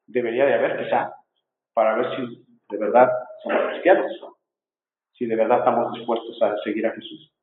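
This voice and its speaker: A man preaching a sermon earnestly, pressing his listeners with repeated rhetorical questions. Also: mid-range voice. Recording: echoey, tinny phone-like sound.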